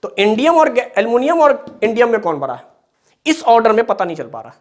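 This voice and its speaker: High-voiced man teaching chemistry. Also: sing-song, quick pace. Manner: explains patiently, repeats points, calls students beta. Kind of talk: classroom lecture.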